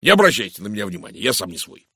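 Brash blustering businessman, raised and pushy, lively swings, as a male reader puts him on. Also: mid-range voice, normal speed, no room sound, studio quality, voice pushed up. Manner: boisterous, blustering, gossiping. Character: loud brash vulgar middle-aged English businessman.

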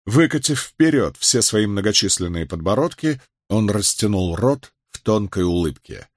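A man reading a novel aloud as an audiobook narrator, in an expressive, dramatic manner. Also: lowish voice, moderate pace, no echo, clean studio sound. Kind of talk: scripted literary narration.

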